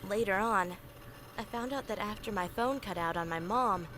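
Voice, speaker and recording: A woman's voice: mid-range voice, moderate pace, noisy background. Earnest woman narrating a horror story. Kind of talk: scripted first-person horror narration. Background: music.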